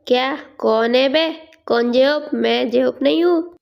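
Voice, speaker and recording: A woman's voice: high voice, unhurried, gravelly, dull audio. A woman voicing a rowdy young man who teases his best friend with brash slang. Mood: rowdy banter. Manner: brash, slangy, mock-insulting.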